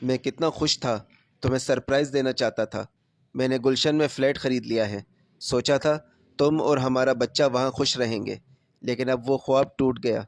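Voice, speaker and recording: A man's voice: mid-range voice, steady tone, no echo, studio quality, close to an everyday voice. A man voicing a tearful young husband. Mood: grieving. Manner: soft and tearful.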